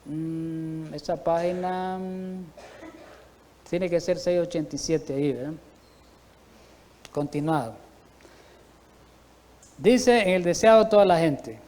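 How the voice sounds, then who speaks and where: Male preacher, high-pitched, emphatic Bible teaching, long church reverb. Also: darkish tone. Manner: emphatic Bible teaching, reads quotes slowly, asks the congregation questions. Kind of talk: sermon.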